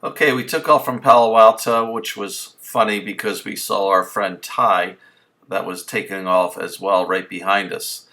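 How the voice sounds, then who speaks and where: A man's voice: fairly low pitch, fairly even intonation, normal speed, vocal fry, bright, forceful tone. A man who is a student pilot, casually explaining his flight in a voice-over. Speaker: student pilot, vlog host.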